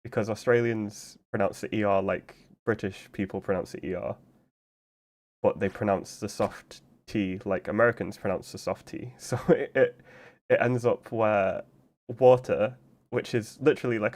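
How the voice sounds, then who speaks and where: A man with a fairly low voice chats casually while streaming a game. He explains things at length in a loose, rambling way, leaning on "like" and restarting his sentences. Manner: rambling, explanatory, heavy use of "like".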